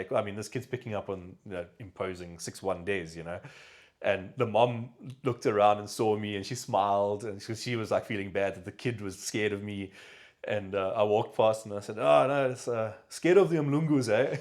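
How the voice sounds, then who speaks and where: A South African man hosting a podcast, telling stories in a casual chat and acting out the voices of people he quotes. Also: lowish voice. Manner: animated storyteller, acts out quoted voices. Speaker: podcast host.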